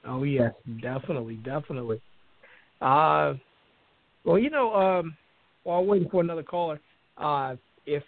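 Gravelly, high-pitched male radio host. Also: no room sound. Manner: halting, repeats words. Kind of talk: call-in radio talk. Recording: dry, tinny phone-line sound.

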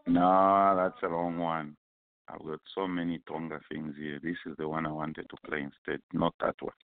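A man's voice: extremely low pitch, level tone, moderate pace, narrow, tinny audio, noisy background. A man with a Zambian accent hosting a casual live radio chat, often repeating phrases for emphasis. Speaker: radio show host.

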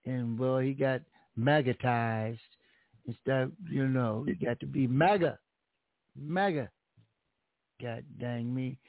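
A man with a medium-pitched voice hosts a casual radio chat, speaking slowly and pausing often as he jokes around, playfully repeating phrases and tossing out old-fashioned mock exclamations. His voice comes through a tinny, phone-like line with no room sound.

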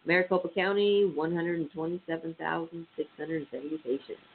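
Reading statistics on a relaxed radio show, a man speaks in a fairly high, stuffy, nasal voice, keeping a steady tone at a slightly fast pace and dropping many ums and uhs. The audio is tinny and phone-like, with a faint hiss.

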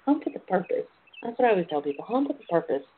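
A woman's voice: medium pitch, sing-song, racing. An American woman hosting a casual phone-in talk show in a sassy, playful, chatty way. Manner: sassy, playful, uses endearments like darling and honey. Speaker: talk show host and intimacy coach. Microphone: telephone. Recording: tinny phone line with clear noise.

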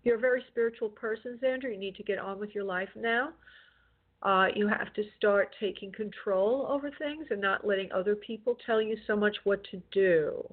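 A woman hosts spirit readings for callers in a gentle, consoling manner, addressing them with affectionate endearments. Her voice sits at a middle pitch. The sound is narrow and tinny, like a telephone line. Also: normal speed. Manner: gentle, consoling, using endearments like love and honey. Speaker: psychic medium hosting a call-in show. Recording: tinny phone-like call-in audio.

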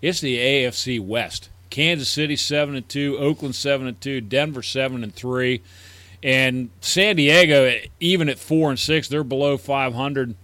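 A man's voice: mid-range voice, normal speed, bright, forceful tone, no echo. A man co-hosting a fantasy sports show in casual chat, agreeing readily and ticking off team records. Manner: agreeable, ticks off stats and records. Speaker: fantasy sports podcast co-host.

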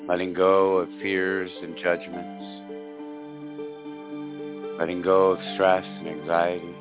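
A man leading a spiritual guided meditation in a slow, soothing, hypnotic way, with long pauses and repeated phrases. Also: low voice, flat delivery. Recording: dull lo-fi audio, music behind. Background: faint music.

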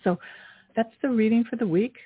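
A woman hosting a spiritual call-in show as an angel card reader, speaking in an encouraging, affirming way with a husky, gravelly voice. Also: a little high, normal speed, no echo. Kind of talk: spiritual reading with call-in segment. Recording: tinny phone-line sound, roomless and dry.

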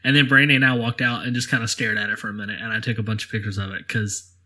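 A man's voice: on the low side, flat delivery, very fast, sharp tone. A man with a Southern US accent, co-hosting a podcast and telling a rambling story with lots of laughs and "like". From Alabama. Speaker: podcast co-host. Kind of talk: casual chat, storytelling.

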